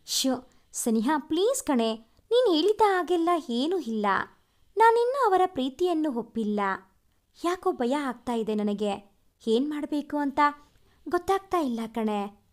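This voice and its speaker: A woman playing a shy young college girl in a storybook, hesitant and timid. Her voice is high and mellow, with a lively rise and fall. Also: moderate pace, long pauses. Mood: shy, fearful.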